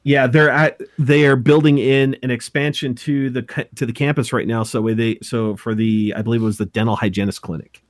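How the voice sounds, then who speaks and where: A man in his thirties from Montana co-hosts a casual talk show, speaking in a mid-range voice with fairly even intonation. His delivery is halting, full of restarts and self-corrections.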